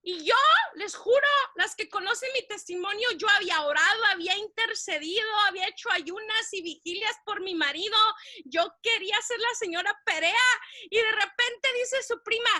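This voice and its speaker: A woman co-hosting a faith podcast, telling a story in an animated way, laughing often and slipping in English phrases. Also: extremely high pitch, normal speed, no echo, clean studio sound. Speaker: podcast co-host.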